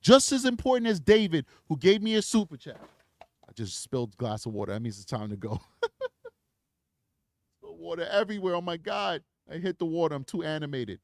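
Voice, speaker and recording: A man hosts a true crime livestream outro, preaching passionately with emphasis and then shifting to casual chat through his plugs. His fairly high voice is very animated and darkish with vocal fry, at a moderate pace, picked up by a desk microphone with no echo.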